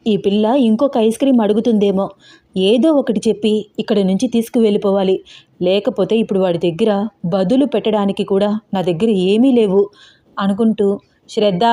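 An audio story host reading a romance aloud and voicing each character's lines within the narration. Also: female voice, medium pitch, mellow. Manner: acts the characters' lines in the same voice.

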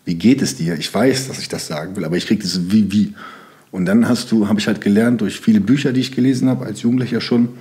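A young man from Germany's Sauerland region talks quickly in a fairly low, warm voice. He's a podcast guest in casual interview talk, his sentences loose, rambling, and stuffed with fillers.

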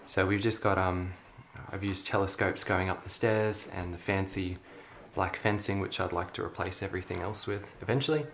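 A young man giving a relaxed, chatty show-and-tell of his hobby build at home, with frequent ums. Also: low-pitched, normal speed, few pauses. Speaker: LEGO hobby vlogger. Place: carpeted room at home. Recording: echoey room, faint noise.

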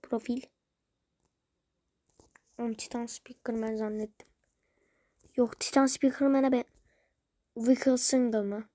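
A woman's voice: on the high side, steady tone, takes it slowly, pauses often, warm tone, no echo. A woman chatting casually to viewers, rambling and grumbling in exasperation. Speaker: video creator.

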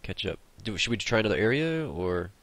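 A young gaming channel host with a lowish voice keeps a casual co-op session going with rambling, jokes, and mild profanity. He's very animated and brisk, with a fairly bright tone and no echo.

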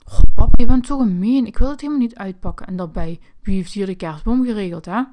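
A woman voicing a curious, mischievous young boy in a toy figure play video, excitable and whining. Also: on the low side, a little fast, noisy background, lightly acted.

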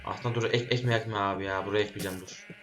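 A man's voice: fairly low pitch, fairly even intonation, fast. Man chatting over his game. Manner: talks to himself while playing, scolds animals and game. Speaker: gaming YouTuber. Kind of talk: casual gameplay commentary.

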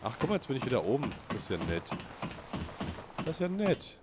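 Sniffling from a slight cold, a let's play gamer talks casually to his audience and reacts aloud to the game. He speaks a little fast in a medium-pitched voice with big pitch swings, and heavy background noise runs behind him.

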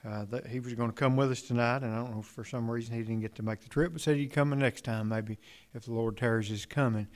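Halting, rambling gospel group singer. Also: male voice, medium pitch, fairly even intonation. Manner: rambling, halting, many fillers. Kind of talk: casual stage talk.

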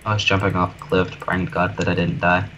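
A man's voice: deep voice, muffled recording, a little hiss or hum. A man chatting casually while building in a video game, joking and teasing his friend. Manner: joking, quick to tease, lively. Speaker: gamer co-host. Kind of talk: casual gaming chat.

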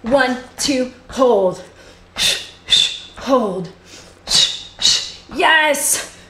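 A woman's voice: high-pitched, animated, extremely slow, a bit bright, roomy sound, a little hiss or hum. A young woman leading a live bodyweight workout as fitness instructor, calling out cues while exercising along and a little out of breath.

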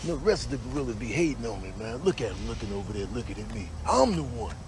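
A man's voice: medium pitch, big pitch swings, rapid-fire, close to an everyday voice. A man doing a bragging streetwise gorilla. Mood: boastful. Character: boastful male zoo gorilla proud of his towel.

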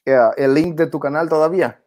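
Chatty man from Honduras, slightly high. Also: fairly quick, a little mellow. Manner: friendly, chatty, calls the other man "brother" and "man". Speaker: host of a crypto channel. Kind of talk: casual livestream chat.

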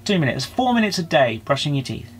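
A UK comedian with a husky, highly animated voice talks fast through a comedic lockdown video diary. He rambles, cuts himself off to restart sentences, and bursts into high-pitched fake sobbing.

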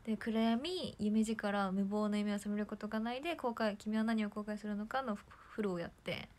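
A young woman with a hoarse throat chatting casually on a livestream, bubbly and chatty, often dropping to soft near-whispers. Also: medium pitch, fairly even intonation, normal speed. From Japan. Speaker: idol livestreamer.

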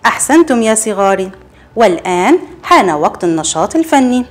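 A woman teaching young children a letter lesson, encouraging them and repeating each sound slowly and clearly. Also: mid-range voice, sing-song. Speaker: kindergarten teacher.

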